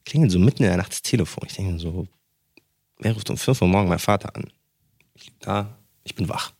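Young male podcast co-host, husky and fairly deep, tells stories fast and lively with slang, recorded dry. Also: no echo. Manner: animated storyteller, street slang, quick restarts. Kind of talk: casual storytelling chat.

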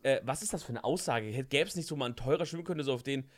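A man's voice: mid-range voice, fast talker. A young man in casual podcast chat, joking and reacting in slangy banter.

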